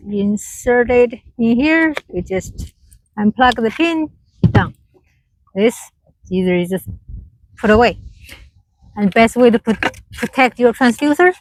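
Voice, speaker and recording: A woman narrating a casual hands-on product test outdoors on a boat, speaking in short broken remarks as she works. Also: medium pitch. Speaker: product demonstrator. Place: outdoors on a small motorboat on the water. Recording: noisy outdoor boat recording. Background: boat and water noise.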